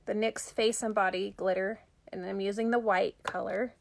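During an informal live makeup tutorial, a middle-aged vlogger talks chattily to viewers as she works. She has a mid-range voice with vocal fry, a fairly even intonation, and a moderate pace.

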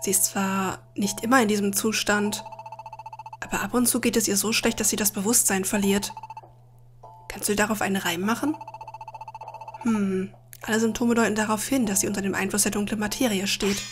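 A woman playing a video game and reading all of its dialogue aloud in her own voice, with dramatic, expressive delivery. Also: mid-range voice, normal speed, noisy background. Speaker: Let's Play gamer.

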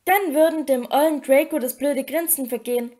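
A woman putting on an easygoing teenage boy from a storybook reading, offhand and reassuring. The voice stays high, close to the reader's own. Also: moderate pace, mellow, close to an everyday voice.

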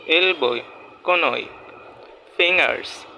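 A man teaching a vocabulary lesson, saying each word and its meaning twice in a slow, repeating way. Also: a little high, creaky, pushed and bright, slight background noise, poor audio.

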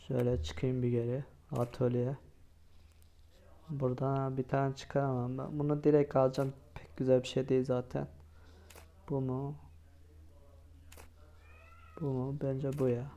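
A man's voice: mid-range voice, monotone, a little slow, pauses often, warm tone. A man doing casual commentary for his mobile game channel, chatting straight to his viewers and grumbling at bad luck.

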